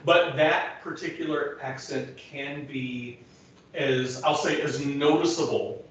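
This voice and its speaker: A man teaching a singing masterclass, giving gentle, detailed diction notes with light self-deprecating jokes, recorded from a distance in an echoey hall. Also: fairly high pitch, steady tone, takes it slowly. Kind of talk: masterclass coaching. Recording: echoey hall, distant mic, dull sound.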